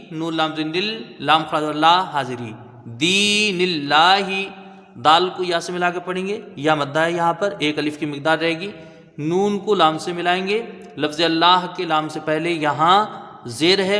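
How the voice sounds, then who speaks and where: A man teaching Quranic recitation, spelling out letters and then slowly chanting each word, often checking with "right?". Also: fairly high pitch, sharp tone, in a large hall. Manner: patient, drawn-out chanting of each word, frequent "theek hai?" checks.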